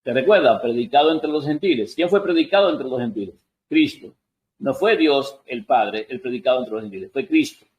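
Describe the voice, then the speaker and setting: A man teaches a Bible study in Spanish-language style, reading scripture passages at an ordinary middle pitch. He pauses to pose questions and answers them himself, as a patient teacher would. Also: expressive, darkish tone, muffled recording. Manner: reads scripture aloud, then asks and answers his own questions; adjusts on-screen text while talking. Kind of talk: Bible study lesson reading and explaining verses.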